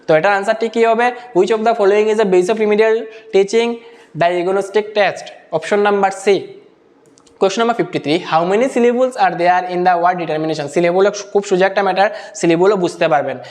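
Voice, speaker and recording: A man working through exam answers, reading each English question out slowly and then explaining it in Bengali mixed with English terms. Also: sits high, a little mellow. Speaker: exam-prep teacher.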